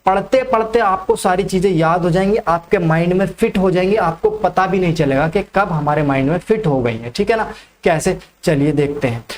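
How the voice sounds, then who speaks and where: With a voice that sits high, a male teacher delivers an exam-prep lecture, repeatedly asking questions and then answering them himself. He repeats the key facts and often adds "ठीक है".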